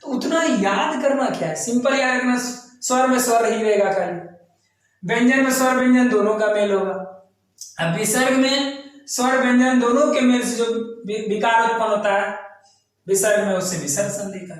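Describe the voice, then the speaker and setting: A man's voice: extremely high pitch, moderate pace. A man teaching an exam coaching lesson, repeating key terms and chanting them in lists. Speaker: grammar teacher. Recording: very echoey room.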